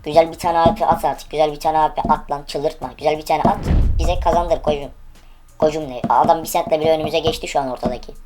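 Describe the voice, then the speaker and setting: A woman with a low, dark-pitched voice comments live on an online gaming stream. She is impatient and swears freely, pleading with the game for a good drop. Faint music plays quietly underneath. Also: fairly even intonation, fast talker. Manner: impatient, profane, urging the game aloud. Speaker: online case-opening streamer.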